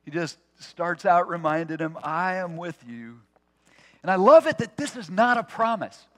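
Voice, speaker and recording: A man preaching a sermon to his congregation, earnest and personal, dropping to a soft hush on key phrases. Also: high-pitched, animated, normal speed. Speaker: pastor.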